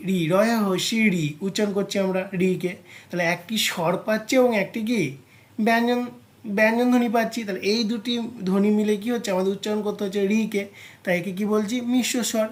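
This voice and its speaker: A teacher with a West Bengal Bengali accent talks through an exam-prep grammar lesson in a mid-pitched voice. The teacher keeps turning to the students with questions and then answers them. Example sounds are drawn out slowly, one by one. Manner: addresses students directly, poses and answers its own questions.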